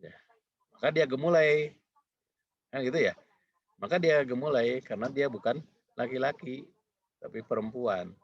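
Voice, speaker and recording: Husky-voiced man lecturing, dull recording. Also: medium pitch, normal speed, pauses often, no echo. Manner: rambling, repetitive, with many fillers.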